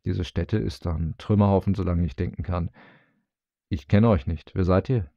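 A bent old village man questions a stranger slowly and deliberately, as a male narrator puts him on. His voice is deep, dark and gravelly. The dry, dull recording sounds lo-fi. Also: steady tone, dry recording. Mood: puzzled. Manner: slow, measured questioning. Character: stooped old village man, slow and wondering.

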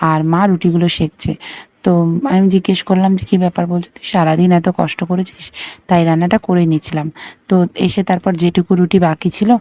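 A woman narrating her own vlog in a calm voice-over, recounting her day of teaching and her mother's cooking. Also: fairly low pitch, no room sound.

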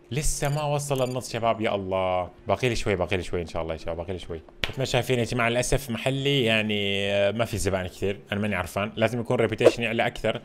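Rapid-fire excitable gamer man. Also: on the low side. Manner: excitable, chatty, keeps addressing viewers. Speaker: gaming channel host. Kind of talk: let's-play commentary. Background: game background music.

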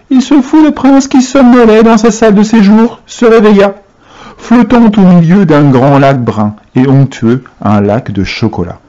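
A man reads a children's novel aloud with expressive storytelling. His pitch moves lively, and his tone is mellow and dark. The recording sounds dull and muffled. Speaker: reader for a class.

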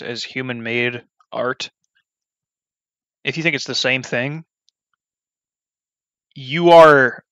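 Blunt, rambling man with a bright voice. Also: mid-range voice, smooth, dry recording. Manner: rambling and blunt, full of ums and restarts. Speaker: gaming YouTuber. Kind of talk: casual gameplay commentary. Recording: slightly dull, dry recording.

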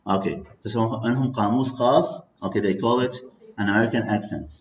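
A man with an Iraqi accent teaching English vocabulary, switching between English and Arabic, repeating words slowly and checking in with "okay" and "clear". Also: on the low side. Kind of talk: bilingual classroom lecture. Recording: echoey muffled classroom recording.

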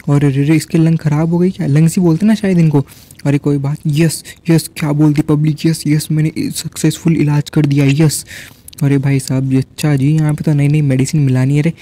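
Joking Hindi-speaking male game commentator, dark tone. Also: a little high. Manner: joking, teasing game characters in slangy banter. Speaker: gameplay commentator. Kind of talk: casual gameplay commentary.

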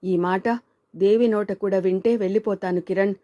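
A woman's voice: medium pitch, fairly even intonation, moderate pace, warm tone, close to an everyday voice. A woman voicing a stubborn, jealous husband in a storybook reading, pressing each word. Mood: insistent.

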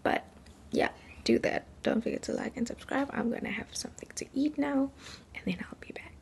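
A young woman with a croaky morning voice, chatting casually in a get-ready-with-me vlog and often dropping to a near-whisper. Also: high-pitched, fast talker, a little mellow. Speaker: beauty vlogger.

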